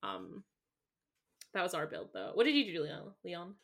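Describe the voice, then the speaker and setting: Bright-voiced woman guest, chatty. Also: lowish voice, huge pitch swings, normal speed, gravelly, breathy edge. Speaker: podcast guest. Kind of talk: casual chat.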